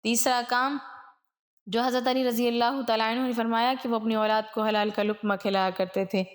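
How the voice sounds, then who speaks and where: A woman narrates a religious story in a solemn, devout manner. She turns now and then to address her viewers directly. Her voice sits a little higher than most women's. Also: level tone.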